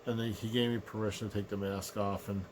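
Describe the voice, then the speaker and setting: A middle-aged man talking casually to camera in a low, unhurried, subdued voice, sick with a sore throat. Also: flat delivery, background noise. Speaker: vlogger. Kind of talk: casual personal rant to camera. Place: small living room indoors.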